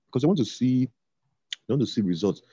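A man talking in a relaxed conversation, halting and repeating himself with many fillers. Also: mid-range voice, husky, no echo. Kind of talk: casual conversation. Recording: dull lo-fi sound.

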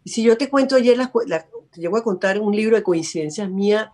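Woman, husky voice, chatty storyteller, video call. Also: medium pitch, lively intonation, quick pace, dark tone. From Venezuela. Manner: chatty, tells stories, acts out her own quotes. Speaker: actress and guest. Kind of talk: casual interview chat.

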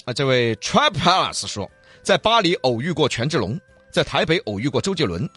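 A man's voice: mid-range voice, very animated, moderate pace, a bit bright, slightly rough, no room sound, soft background music. A male talk show co-host with a Sichuanese accent, joking colloquially and reading out listener stories in a casual way.

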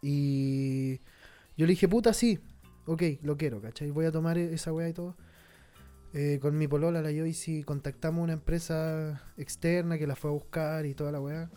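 A man's voice: on the high side, flat delivery, moderate pace, mellow, soft background music. A man with a Chilean accent telling a sad personal story in casual, slang-heavy chat. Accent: Chilean Spanish. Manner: slangy, somber storytelling, frequent swearing.

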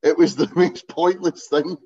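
Recorded on a dull lo-fi podcast mic, this male co-host has a gravelly, darkish voice on the high side, steady and measured. He casually recaps matches with a dry, wry edge.

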